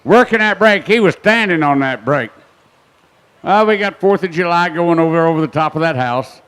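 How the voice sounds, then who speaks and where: A man's voice: fairly high pitch, lively intonation, moderate pace, a bit bright, clear, resonant tone. A man announcing a tractor pull live, in a folksy manner that repeats phrases for emphasis. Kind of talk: live event commentary over a PA.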